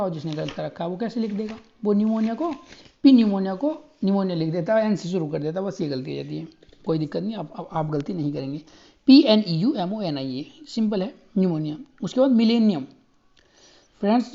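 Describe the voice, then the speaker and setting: A man teaching an exam coaching lesson, spelling words out letter by letter and often pausing to check that students follow. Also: sits high, dark tone. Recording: muffled lo-fi recording.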